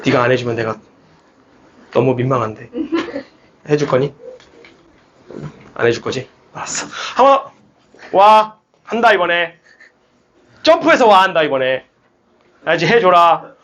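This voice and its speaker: A man's voice: mid-range voice, moderate pace, long pauses, muffled recording. A young man teaching a math academy class, coaxing and rallying his students through the lesson. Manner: lively, coaxing, rallies students with shouts. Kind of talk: classroom lecture. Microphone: speaker amplified mic.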